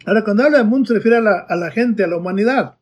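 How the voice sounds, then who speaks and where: Husky high-voiced man preaching. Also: rapid-fire, muffled recording. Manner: earnest, repeats "hermanos" and fillers. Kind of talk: sermon.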